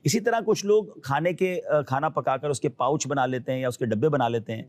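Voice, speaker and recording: A man being interviewed, giving earnest, cautionary advice and acting out the people he quotes. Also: medium pitch. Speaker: guest advising pilgrims. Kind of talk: advisory interview talk.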